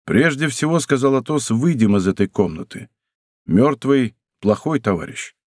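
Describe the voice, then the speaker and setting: A man voicing a stern, composed musketeer who speaks in a low, measured way. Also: animated, dry recording, studio quality, close to an everyday voice. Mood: grave. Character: grave older male musketeer, stern and composed.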